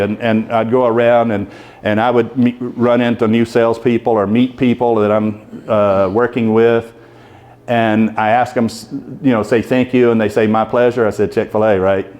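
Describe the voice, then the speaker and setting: Give me a conversational American man speaking to a club meeting about leadership, medium-pitched and easygoing, tossing questions out to the crowd. He sounds like a guest speaker working the room instead of reading a script. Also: flat delivery, moderate pace, a little mellow. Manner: conversational, asks the audience questions. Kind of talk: leadership talk to a live audience.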